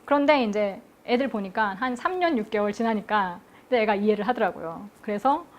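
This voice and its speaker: A woman's medium-pitched voice moves a little fast as she preaches an afternoon sermon, questioning the congregation and then answering each time with a steady "yes."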